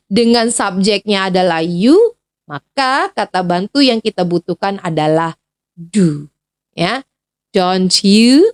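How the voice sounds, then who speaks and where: A woman from Indonesia teaching an English grammar lesson in a casual, chatty way, with fillers and quick self-corrections. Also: mid-range voice, no echo. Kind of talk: explanatory lesson to students.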